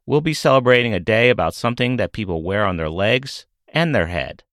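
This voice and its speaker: Lively, low-voiced male podcast host. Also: fairly quick, no echo, studio quality. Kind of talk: scripted podcast narration.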